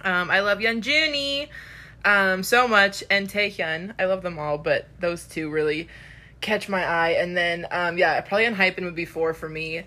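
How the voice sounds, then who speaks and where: A woman's voice: fairly low pitch, moderate pace, bright, forceful tone. A young woman co-hosting a casual fan podcast, gushing and laughing as she talks. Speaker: podcast co-host. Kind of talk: casual chat.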